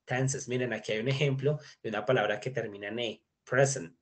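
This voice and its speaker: A man's voice: mid-range voice, fairly even intonation, fairly quick. Man, English teacher, online class, chatty, mixes in English. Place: video call.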